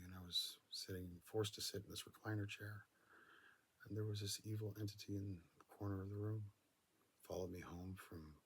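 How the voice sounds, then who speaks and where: Low gravelly husky man telling stories. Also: slight background noise. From Northern California. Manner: swears freely, intense and earnest. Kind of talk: personal storytelling.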